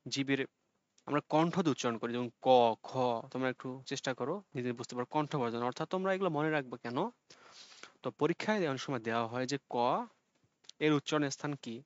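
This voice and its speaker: Guy teaching online class, says each sound slow so you copy it, dry dull lo-fi sound. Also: mid-range voice, no echo. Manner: explains patiently, repeats sounds slowly for students to copy. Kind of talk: online exam-prep lesson.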